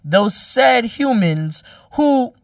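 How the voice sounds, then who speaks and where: A man's voice: very high voice, expressive, very slow, no echo, distant mic. Man patiently explaining, off-mic. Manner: explains patiently, keeps cutting in with "wait, hold on". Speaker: podcast co-host. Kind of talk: casual podcast debate. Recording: dry room, voice off-mic.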